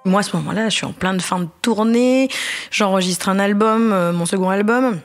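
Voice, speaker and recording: A woman in her thirties telling her personal story in an interview, lively and informal. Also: mid-range voice, faint music behind. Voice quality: lively, informal, fast bursts. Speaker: interviewee, singer.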